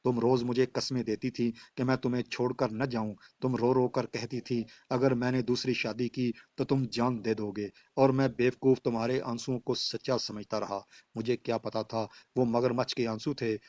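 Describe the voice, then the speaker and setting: A man's voice: mid-range voice, level tone, few pauses, darkish tone, no room sound, natural voice. A man reading as a bitter, betrayed husband. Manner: stern, accusing declamation. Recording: dull, dry lo-fi voice track.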